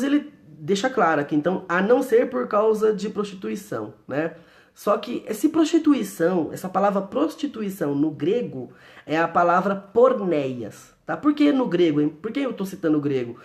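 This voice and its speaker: Lively high-voiced man teaching the Bible. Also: moderate pace. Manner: explanatory, checks in with listeners often; reads from the Bible and answers viewer comments.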